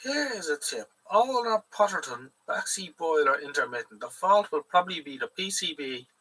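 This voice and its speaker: An Irish man hosts a live stream, rambling casually and swearing freely. His voice is fairly high and lively in intonation, bright and forceful with a breathy edge, at a normal speed. He sounds a bit far from the mic.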